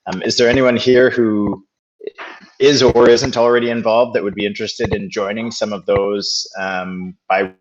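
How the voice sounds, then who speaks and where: A man with a somewhat low voice hosts an online meeting, speaking casually with many hesitations and ums. His audio is glitchy and keeps cutting out. The call sound is dull and lo-fi. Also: steady tone, normal speed, a little hiss or hum. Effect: audio cutting out, glitchy connection. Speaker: community call host. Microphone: video call.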